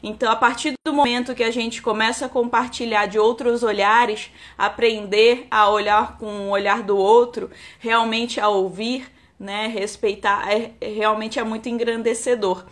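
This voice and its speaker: A woman's voice: fairly high pitch, level tone, normal speed, hardly any pauses, fairly bright tone. A woman in her thirties from Rio with a Carioca accent, an enologist talking casually on a live stream and padding her talk with fillers. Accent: Carioca Brazilian Portuguese. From Rio de Janeiro, Brazil. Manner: chatty, many "né" and "tá" fillers, restarts.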